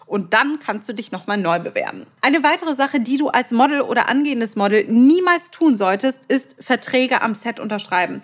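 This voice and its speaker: A woman's voice: on the high side, a bit bright. A young adult woman hosting a podcast, giving direct, emphatic advice to aspiring models and repeating her warnings. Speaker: podcast host and model trainer.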